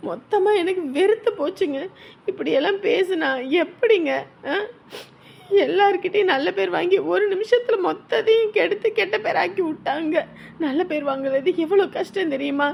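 A woman's voice: sits high, gravelly, darkish tone. A woman playing a wronged young wife, complaining in a tearful, accusing voice in a family drama. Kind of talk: melodramatic web-series acting.

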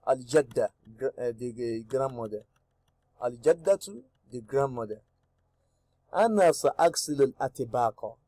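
A man's voice: medium pitch, mellow, no room sound. A man teaching a language lesson, reading short dialogue lines and giving each one's English meaning. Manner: reads each line in Arabic then gives the English, slow and deliberate. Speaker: Arabic teacher.

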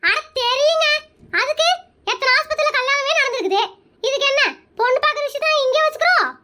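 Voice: very high-pitched, quick pace, bright, forceful tone. A performer voicing a bossy, meddling middle-aged aunt in a comedy cartoon, scolding and nagging everyone around her.

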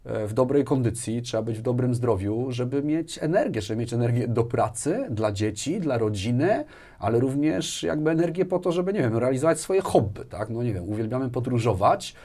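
A man around his forties, a corporate manager appearing as an interview guest, answers in a medium-pitched, animated, warm voice at a brisk pace. He rambles conversationally, repeats words, and tags phrases with little questions. He's recorded on a lapel mic in a small furnished indoor studio.

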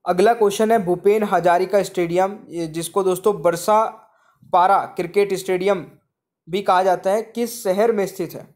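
Speaking as a teacher over quiz slides, a high-voiced man reads each question, repeats it for viewers he addresses as friends, and plainly states the answer. His steady classroom patter follows a fixed routine at normal speed.

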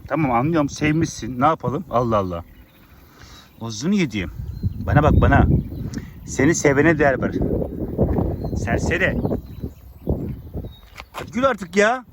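A man's voice: medium pitch, expressive, normal speed, long pauses, heavy background noise. A man talking outdoors to his farm animals, coaxing and scolding them fondly. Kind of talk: affectionate teasing talk to animals, vlog.

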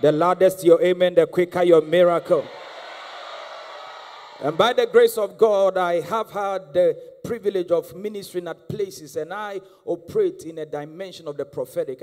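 A Ghanaian-accented man in his thirties, a guest prophet, preaches charismatically from a large church hall stage with a handheld mic. At a moderate pace, his high-sitting, slightly mellow voice rouses the crowd and repeats lines for them to answer. Long reverb and music mark the live recording.

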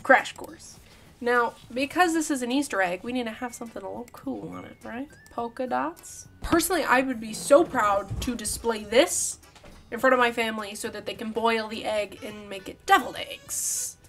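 A young woman doing playful comedic commentary over a video game, breaking into loud shouts. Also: fairly high pitch, moderate pace. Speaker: YouTuber. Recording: light background music.

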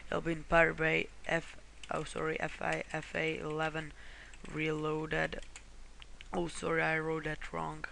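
A man's voice: a little high, completely flat delivery, unhurried, gravelly, sharp tone, a little hiss or hum. A man from Croatia, talking through a screen-recorded how-to walkthrough in a rambling way, often correcting himself and apologizing. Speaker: tutorial host.

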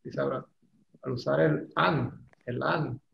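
A man's voice: medium pitch, steady tone, unhurried, creaky. A man teaching an English class, explaining step by step and teasing his students. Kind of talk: online class lecture. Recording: echoey room, dull lo-fi sound, faint noise.

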